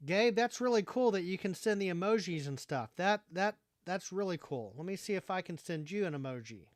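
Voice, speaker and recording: A man's voice: high voice, lively intonation, brisk, no room sound, studio quality. A man hosting a casual livestream chat, thinking aloud in a hesitant way. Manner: hesitant, thinking aloud while figuring things out. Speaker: livestream host.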